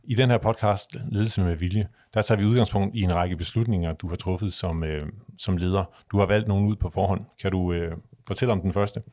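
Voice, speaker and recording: A man's voice: deep voice, fairly even intonation, hardly any pauses, a little mellow, no room sound, clean studio sound. A man hosting a podcast, introducing the topic and asking his guest a question. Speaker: podcast host. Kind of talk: interview questions.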